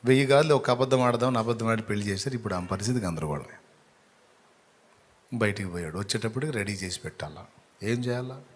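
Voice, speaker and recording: A man's voice: on the low side, fast talker, pauses often. A man preaching a sermon, telling a story with sympathy for its people. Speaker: pastor.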